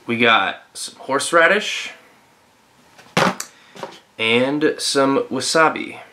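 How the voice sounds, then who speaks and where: A young man talking to camera in a bedroom for a casual challenge vlog, halting and deadpan, with crude humor. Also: mid-range voice, background noise. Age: young adult. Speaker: cameraman and vlogger. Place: bedroom indoors. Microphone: camera at about arm's length.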